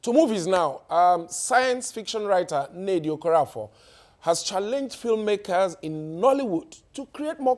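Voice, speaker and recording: A man's voice: fairly high pitch, darkish tone. A man with a Nigerian accent hosting a satirical news show, delivering headlines with wry jokes and laughing at his own punchlines.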